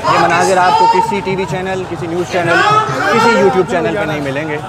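A man's voice: high-pitched, animated, brisk. A young man giving a walking on-the-spot video report through busy city streets at night, with running commentary as he moves. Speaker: vlogger reporting from a rally. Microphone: lapel mic. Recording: loud crowd and street noise. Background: loud crowd chanting, traffic.

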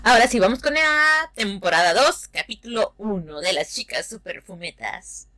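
A woman's voice: mid-range voice, animated, normal speed, sharp tone, no echo. A woman who hosts a reaction video and gushes over cartoon clips in casual commentary. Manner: gushing, exclaiming and laughing at the clips.

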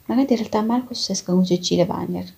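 Husky, breathy woman reading a novel. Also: dark tone. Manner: measured, low-key first-person narration. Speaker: reader of a novel.

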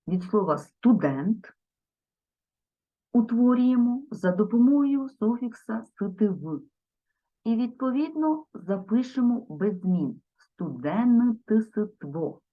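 A woman gives a grammar lesson in a slow, deliberate voice that is slightly husky, with a lively rise and fall in her pitch. She spells out each word form carefully and talks straight to her viewers. The recording sounds dull and lo-fi. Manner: addresses viewers directly. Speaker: teacher.

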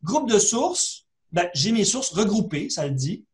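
A man's voice: high-pitched, very animated, measured pace, darkish tone. A man, a librarian, talks through a screen-share tutorial in a conversational way, full of fillers and restarts. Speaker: librarian giving a webinar.

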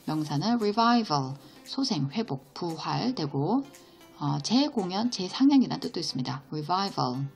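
Slow, lively-pitched woman teaching vocabulary. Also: vocal fry, soft background music. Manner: slow, patient explanation with question-and-answer prompts. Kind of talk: explaining a vocabulary lesson.

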